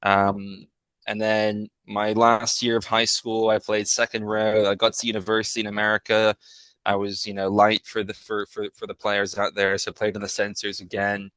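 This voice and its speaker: A young man from Hong Kong speaks as a guest on a casual podcast, his voice sitting low. He goes on at length and corrects himself mid-sentence as he explains. The sound is dry, with no room around it. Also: monotone, normal speed, fairly bright tone, clean tone, no echo, poor audio. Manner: expansive, talks at length with self-corrections. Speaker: guest, rugby player.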